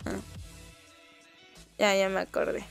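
A young woman with a Mexican accent giving excitable live-stream commentary while she plays a game, swearing casually and talking to the characters on screen. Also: mid-range voice, takes it slowly, gravelly, soft background music. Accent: Mexican Spanish. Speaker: gaming streamer.

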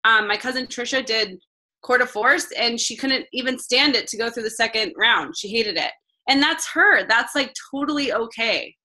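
A woman's voice: on the high side, moderate pace, pushed and bright, rough recording. A woman fitness coach chatting casually and encouragingly, with lots of fillers. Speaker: fitness coach on a team call.

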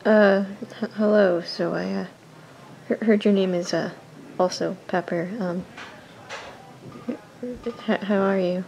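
Casting: mellow, unhurried woman, halting and stammering, casual home-video chat with faint background noise. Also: mid-range voice, level tone, vocal fry, poor audio. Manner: hesitant, stammering. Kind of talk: casual home video talk to a pet cat. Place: indoors at home.

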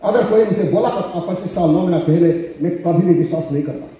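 A middle-aged man with an Odia accent, a motivational speaker at a business seminar, gives a rousing stage speech to a large audience, mixing Hindi and English and calling for applause. His voice is high and dark-toned, and he talks fast. His handheld mic is heard from far off in an echoey auditorium, with the crowd behind him.

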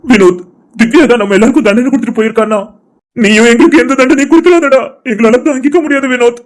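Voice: medium pitch, fast, lightly acted. A voice artist voicing a worried, protective male friend in a cartoon drama, anxious and urging. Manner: anxious, scolding then soothing.

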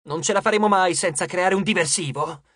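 A narrator voicing a frantic teenage boy who shouts urgent orders while steering a ship, in an audiobook. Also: mid-range voice, brisk, husky, no room sound, clean studio sound.

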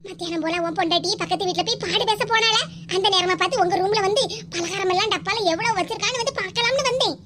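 Woman doing a shrill nagging granny. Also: fast, few pauses, heavy background noise. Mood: scolding. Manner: scolding, nagging. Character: grumbling greedy old village mother-in-law. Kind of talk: cartoon voice acting.

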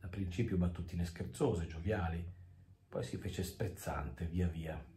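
Low mellow guy reading a story out, roomy echo, quiet music under it. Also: steady tone, a little slow, slight background noise. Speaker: audiobook reader. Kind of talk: scripted narration. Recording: echoey room with faint music.

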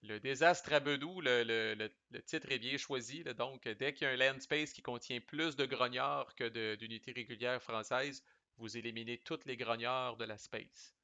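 Québécois male reviewer, bright and forceful delivery, chatty and slangy, dry slightly muffled recording. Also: mid-range voice, steady tone, moderate pace, dry recording. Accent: Québécois French. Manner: chatty, loose, sprinkles English game terms and salty slang. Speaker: board game reviewer. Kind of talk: casual explanatory commentary.

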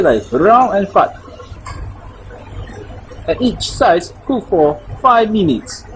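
Poor audio and slight background noise surround this man's high-pitched voice. A cooking show host in a small indoor room, he leads a relaxed recipe tutorial, chatting in simple phrases and tossing in playful sing-song repetitions.

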